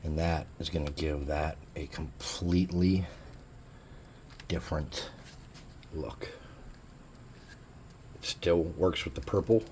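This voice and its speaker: A laid-back man with a low, mellow voice talks through a hobby tutorial, chatty and jokey as he works. A faint hum sits behind him. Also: level tone, takes it slowly, long pauses. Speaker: crafting channel host.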